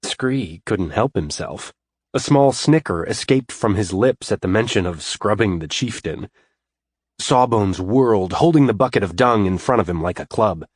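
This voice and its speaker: Casting: male audiobook narrator, low husky voice, lively delivery, dry close recording. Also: moderate pace, no echo. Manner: expressive storytelling, voices the hero's lines too.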